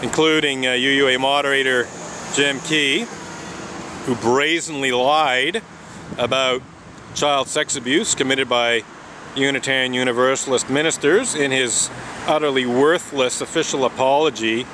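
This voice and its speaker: A man's voice: mid-range voice, fairly even intonation, measured pace, background noise. A man speaking outdoors to a handheld camera in an unscripted, indignant commentary, stressing his points with repeated lists and occasional swearing. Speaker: protester vlogging. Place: outdoors on a city street.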